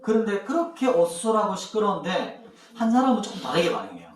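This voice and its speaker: Speaking fast and very animatedly in a high register, a male pastor tells children a Bible story and quizzes them as he goes. It's a children's sermon recorded in an echoey room with a distant mic.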